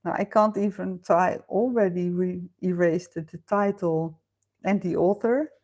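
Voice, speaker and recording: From home, a Dutch woman from the Netherlands hosts a casual livestream, reading viewer comments aloud and chatting with lots of fillers and laughter as she thinks out loud. Her voice is fairly low and darkish, steady in tone, at a moderate pace.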